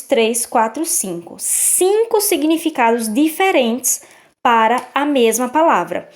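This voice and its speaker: A woman teacher goes through textbook exercises step by step. Her voice sits a little high, and she often pauses to check in with her students. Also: a little mellow. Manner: patient, checks in with "tá?" and "certo?". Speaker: Portuguese teacher.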